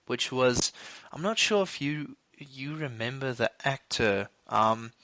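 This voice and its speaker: Bright-voiced man in casual chat. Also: medium pitch, lively intonation, no room sound. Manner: rambling, restarts, quick laughs. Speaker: podcast co-host.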